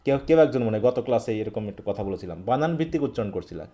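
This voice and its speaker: A man's voice: mid-range voice, big pitch swings, rapid-fire, warm tone. A man from Bangladesh teaching a live online English class, often checking that students follow. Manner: asks questions and checks understanding.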